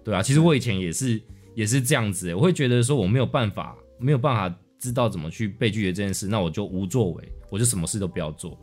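A man, chatting casually as a podcast co-host. He talks in an animated way and acts out his own past thoughts. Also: lowish voice, fast talker. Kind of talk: casual chat. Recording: faint music in background.

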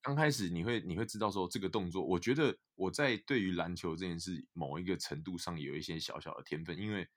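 A young man talks fast. He tells animated stories as an interview guest, stacking fillers as he goes. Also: low voice. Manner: animated storyteller, many fillers. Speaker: guest, basketball player. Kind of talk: casual interview chat.

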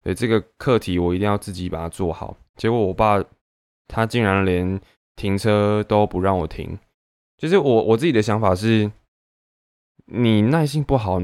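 A young man with a Taiwanese Mandarin accent, venting casually to camera in an animated way with many fillers. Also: lowish voice, dry recording. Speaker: vlogger.

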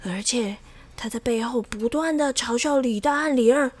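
A woman narrating a children's story in a lively, expressive way, speaking to young listeners. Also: a little high, normal speed.

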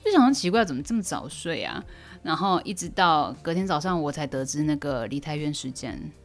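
A young woman hosts a relaxed solo podcast. Her voice sits a little low for a woman, but she is an animated storyteller who leaps upward in surprise. Soft music plays faintly in the background. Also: brisk. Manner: expressive storyteller, voice jumping up when surprised. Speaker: podcast host. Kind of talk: casual solo podcast chat.

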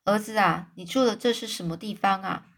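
A woman's voice: mid-range voice, a little fast, a bit bright. A woman voicing a sorrowful older father in a storybook reading, speaking tenderly to his son.

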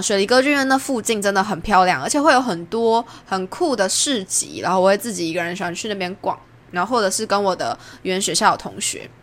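Recounting something that happened to her, a young podcast host from Taiwan talks in a chatty, monologue style with a Taiwanese Mandarin accent. She performs quoted lines with big leaps in pitch.

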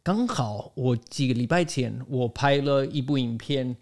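A man's voice: medium pitch, a little slow. A man speaking as a guest in a casual interview, giving his opinions and explaining them through stories and quoted exchanges. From outside Taiwan.

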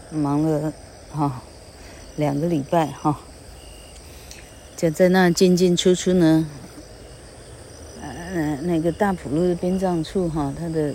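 This older woman has a deep, mellow voice and a Taiwanese Mandarin accent. She teaches English grammar in a chatty, rambling way, often closing phrases with "ha" and spelling words one letter at a time. Faint insect chirping and background noise sit under her voice. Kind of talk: casual spoken lesson.

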